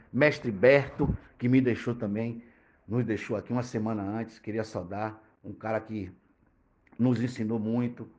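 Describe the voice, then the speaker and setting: A man's voice: mid-range voice, a little mellow, highs cut off, slight background noise. Earnest man explaining to listeners. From Bahia, Brazil. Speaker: guest, teacher and cultural activist. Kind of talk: podcast interview explanation.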